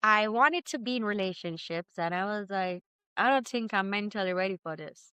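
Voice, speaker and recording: A woman in her thirties with a Jamaican accent, telling her story as a podcast guest in a lively, chatty way. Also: mid-range voice, normal speed, clean tone, dry recording. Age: 30s. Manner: lively, chatty, quotes herself often. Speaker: guest entrepreneur. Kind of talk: candid storytelling interview.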